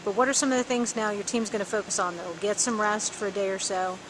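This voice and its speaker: A woman working as the team's media interviewer, putting prepared post-game questions with statistics in an even delivery. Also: mid-range voice, quick pace, noisy background. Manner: scripted, stat-citing, even delivery.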